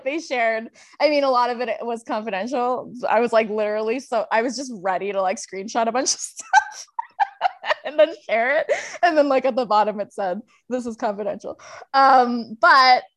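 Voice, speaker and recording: A woman co-hosting a podcast, chatting excitedly and laughing often. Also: fairly high pitch. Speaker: podcast co-host. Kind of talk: casual chat.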